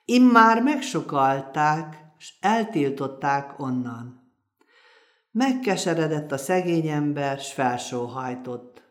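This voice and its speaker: A woman's voice: low-pitched, lively intonation. Woman storyteller telling a folk tale.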